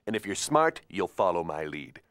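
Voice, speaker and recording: An actor voicing a grumpy, sarcastic male pet animal in a cartoon, who complains gruffly. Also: low-pitched, big pitch swings, moderate pace, heavy background noise. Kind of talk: cartoon voice acting. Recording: faint music behind.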